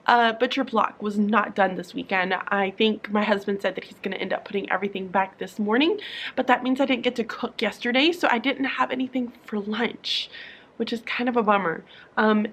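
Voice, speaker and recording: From her classroom, a young woman teacher vlogs to camera in a drowsy morning voice, casual and full of fillers and false starts. Her voice is mid-range, husky and slightly bright, and she talks briskly.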